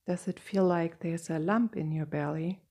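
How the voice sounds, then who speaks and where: Low husky lady leading a meditation, slow and soft, lots of fry. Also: steady tone. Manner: slow, soft and soothing, with long pauses. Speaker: meditation guide. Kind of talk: guided meditation.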